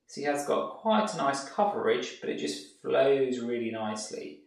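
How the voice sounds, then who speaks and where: A man gives a relaxed painting tutorial, thinking aloud as he works. His voice has a gravelly edge. The room rings with strong echo, and he sounds set back from the mic. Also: mid-range voice, normal speed, distant mic. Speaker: art tutor.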